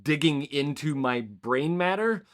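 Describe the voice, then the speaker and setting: A man's voice: fairly high pitch, expressive, a little slow. A man hosting a podcast, chatting casually and reacting to his guest with brief comments and jokes. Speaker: podcast host. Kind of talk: casual chat.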